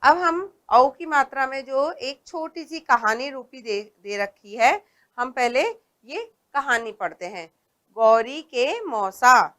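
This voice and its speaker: Slow, patient woman teaching children. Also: sits high, fairly bright tone. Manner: slow, patient, stresses and stretches each word; asks questions and answers them herself. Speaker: primary school teacher. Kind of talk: Hindi phonics lesson for young children.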